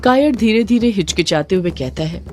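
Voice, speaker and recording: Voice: lively intonation, moderate pace, warm tone, a little hiss or hum. A narrator reading a dramatic audio story and acting out each character's lines. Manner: acts out every character's lines with raised pitch.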